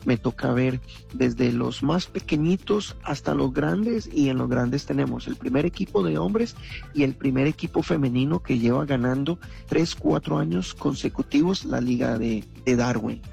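A former footballer from Costa Rica, speaking with a Costa Rican accent, answers interview questions earnestly, with many fillers. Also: male voice, medium pitch, normal speed, creaky, warm tone, soft background music. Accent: Costa Rican Spanish. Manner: earnest, reflective, with frequent fillers.

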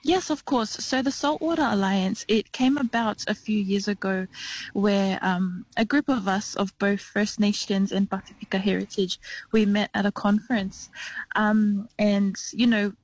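A young woman, speaking as a radio guest. She explains earnestly and at length, with fillers along the way, at a mid pitch for a woman. The sound is close and dry. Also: steady tone, unhurried, dry recording, highs cut off. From New Zealand, raised in Western Sydney. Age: young adult. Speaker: community program manager, guest. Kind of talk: radio interview.

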